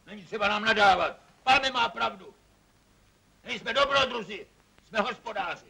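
An actor playing a weary, resigned German villager who speaks gravely, in a 1950s film. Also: male voice, high-pitched, sharp tone, full character voice. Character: weary, sober-minded middle-aged German villager.

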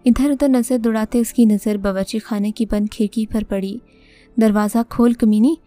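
A woman's voice: a little high, steady tone, dark tone. A woman telling a first-person horror story in dramatic, scripted narration. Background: faint music.

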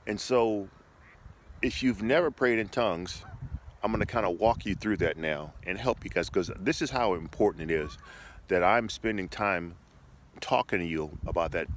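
A middle-aged man with a fairly low voice gives informal devotional teaching. He talks conversationally, repeating phrases in an encouraging way. He is recorded on a handheld phone outdoors, with clear ambient noise behind him. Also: a bit bright. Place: outdoors by a shoreline path. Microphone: phone at arm's length.

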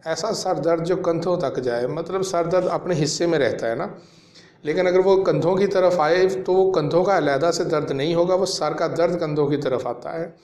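A man in his thirties, a homeopathic practitioner, explaining a medicine to camera in a measured way with frequent fillers, in a small room. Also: a little high, a little mellow. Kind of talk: educational talk to camera. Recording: echoey room.

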